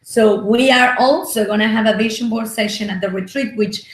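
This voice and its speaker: A woman's voice: on the high side, moderate pace. Woman host chatting with a guest, all enthusiastic, roomy echo. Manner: warmly enthusiastic, praising. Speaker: interviewer and retreat host. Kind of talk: casual interview chat.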